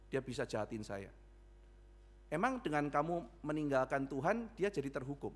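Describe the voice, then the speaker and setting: A male pastor preaching a sermon in church, telling stories and acting out both sides of the dialogue. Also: a little high. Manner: animated storytelling with acted dialogue. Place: church sanctuary.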